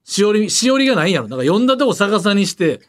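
A man's voice: sits high, racing. A man with a Kansai accent, chatting casually as a radio show co-host and acting out the voices in his stories. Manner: animated storyteller, acts out voices. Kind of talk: casual chat.

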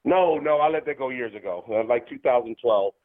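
A man in his fifties speaks as a radio guest over a tinny phone line. He talks fast at a middling pitch, eager and full of fillers. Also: lively intonation. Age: 50s. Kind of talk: phone-in interview.

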